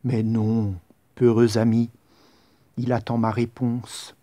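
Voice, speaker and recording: A man's voice: mid-range voice, completely flat delivery, slow pace, mellow, no echo, natural voice. A man voicing a proud, scornful young queen, declaiming rhymed stage verse. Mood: defiant.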